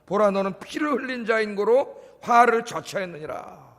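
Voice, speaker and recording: A man voicing a spiteful man hurling curses at a fleeing king, declaiming loudly in a sermon. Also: high voice, animated, moderate pace. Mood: cursing. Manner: loud, declaiming scripture curses. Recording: echoey church hall.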